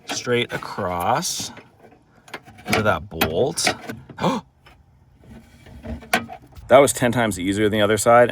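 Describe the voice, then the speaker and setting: Against a noisy background, a man with a fairly low voice jokingly complains to viewers while doing outdoor work in a casual how-to vlog. The DIY vlogger is standing on wet grass by a pickup truck and recording himself on a handheld phone.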